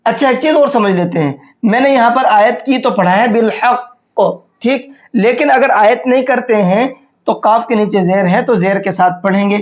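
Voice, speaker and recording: A man teaching a tajweed lesson, patiently asking himself questions and then answering them, and slowing down to draw out words as he demonstrates. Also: high voice. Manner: slows down to demonstrate words drawn out. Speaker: Quran teacher. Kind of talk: tajweed lesson explaining pronunciation.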